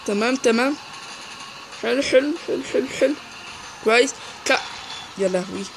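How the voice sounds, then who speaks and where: A man with an Egyptian Arabic accent giving excitable live gameplay commentary, repeating words in quick bursts. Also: very high-pitched, gravelly, noisy background. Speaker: gaming YouTuber.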